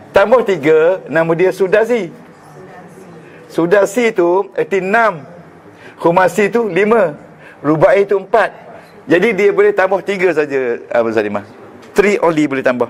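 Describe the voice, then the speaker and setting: Man, Malaysian Malay accent, religious teacher, fairly high voice, playful classroom quizzing. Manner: joking, quizzing students, call-and-response. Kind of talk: classroom lecture on Arabic grammar. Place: lecture room with students.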